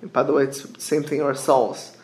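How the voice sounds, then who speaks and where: A middle-aged man with gives an informal religious sermon, haltingly repeating phrases and posing rhetorical questions. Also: mid-range voice, steady tone, a little mellow. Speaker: rabbi giving a religious class. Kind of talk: informal sermon, explaining texts with anecdotes. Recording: echoey room.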